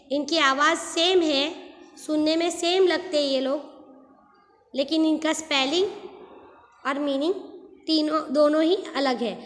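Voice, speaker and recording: Slow high-voiced woman teaching children. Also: reverberant, big-room sound. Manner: slow, patient, repeats and spells out words letter by letter. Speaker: school English teacher. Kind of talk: explaining homophones to young children.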